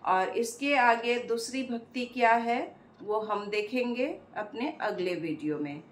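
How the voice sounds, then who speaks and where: A woman spiritual teacher telling a devotional story in a measured, earnest sermon style. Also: on the high side, lively intonation. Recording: roomy echo, faint noise.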